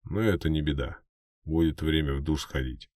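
A man's voice: rumbling low, normal speed, darkish tone, no room sound, studio quality. A man voicing a battered, sardonic young protagonist with a curt, muttering manner in a fantasy audiobook. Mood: dry, curt.

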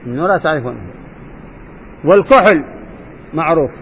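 A man's voice: a little high, lively intonation, brisk, husky. A man sheikh teaching a jurisprudence lesson, asking his students questions and repeating key points. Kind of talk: classroom lesson explaining a text. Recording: dull lo-fi recording with faint hiss.

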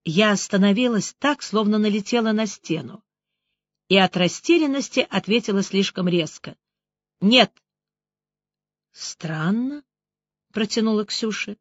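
A woman narrating a novel as an audiobook, voicing the dialogue with brisk, lively delivery. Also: medium pitch, no echo, lo-fi sound. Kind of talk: audiobook reading with character voices.

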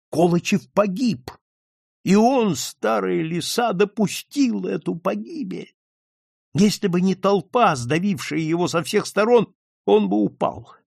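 A male narrator reads a tense story with dramatic emphasis, his voice sitting slightly high. The recording is dry and close, with no room sound. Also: gravelly, a little mellow, husky, no echo. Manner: dramatic reading. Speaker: audiobook narrator. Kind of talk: scripted narration.

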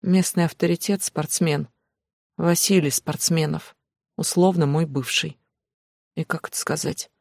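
A man narrating an audiobook, voicing a frightened, beaten young woman who speaks quietly and haltingly, near tears. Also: sits low, fairly even intonation, vocal fry, dry recording, studio quality, heavily acted. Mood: fearful. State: tearful.

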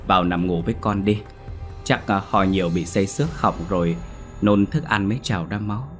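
A man's voice: lowish voice, a little fast, faint music behind, lightly acted. A man doing a weary, dismissive sick husband.

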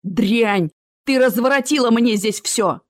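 Irritable swindling fairground showman, loud and brusque, close dry recording, put on by a woman reader. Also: a little high, slow, no echo. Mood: irritated. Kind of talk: audiobook character reading.

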